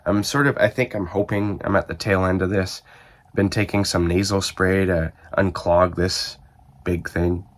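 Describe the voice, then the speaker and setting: Hoarse, stuffy low-voiced man. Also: level tone, a little slow. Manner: rambling, thinking aloud with many restarts. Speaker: book video host. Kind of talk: casual chat to camera.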